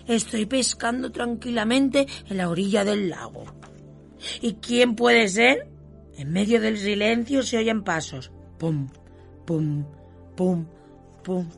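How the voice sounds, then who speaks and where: Woman storyteller, reads children's tales aloud, expressive, slow, gravelly. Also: mid-range voice, faint music behind. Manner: expressive storytelling, addresses listeners. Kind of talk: reading children's stories aloud.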